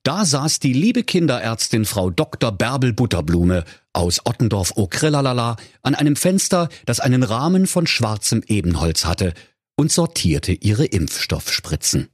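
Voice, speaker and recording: A man's voice: medium pitch, sing-song, moderate pace, slightly rough, no echo, clean studio sound. A man telling a comic fairy-tale parody in a mock-solemn storyteller tone.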